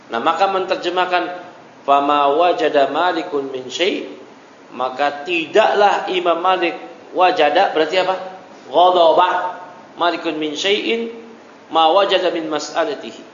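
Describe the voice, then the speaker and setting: A man teaches from a religious text in a slightly higher voice than most men. He reads a line, explains it, and keeps checking in with his listeners. The recording is dull and lo-fi, with a long echo from a large hall and a faint hiss. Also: a little slow, fairly bright tone. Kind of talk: classroom lecture on a religious text.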